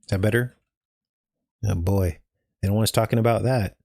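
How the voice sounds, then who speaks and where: A man's voice: on the low side, fairly even intonation, normal speed, vocal fry, a little mellow. A man hosting a livestream, talking casually to viewers while his audio glitches and cuts out. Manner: talks straight to viewers, chuckles at his own remarks. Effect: glitchy livestream audio cutting out. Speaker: livestream host. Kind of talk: casual opinion commentary.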